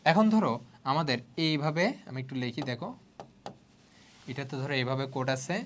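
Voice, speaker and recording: A man in his twenties from Bangladesh, a biology tutor teaching an online exam-prep lesson. He talks fast and chatty, mixes in English words, and keeps checking that students follow. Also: mid-range voice.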